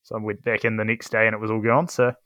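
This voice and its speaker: A young man co-hosting a casual podcast, easygoing and quick to laugh. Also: fairly low pitch, no echo, muffled recording. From New Zealand. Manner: relaxed, easygoing, laughs often. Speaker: podcast co-host. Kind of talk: casual chat.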